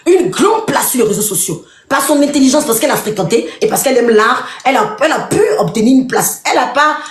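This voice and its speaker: Woman, mocking live rant, highish voice, roomy echo. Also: animated, fast. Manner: mocking, repetitive, addresses a rival directly. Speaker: online commentator.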